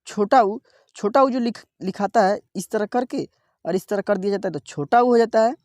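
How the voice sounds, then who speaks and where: A woman at a middle pitch leads an online Hindi alphabet lesson, speaking slowly and patiently. She keeps asking her viewers questions and stretches each vowel so it can be heard. The sound is close and dry, with no room echo. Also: darkish tone. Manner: repeats "क्या दोस्तों?" often, drawing out the vowels she teaches.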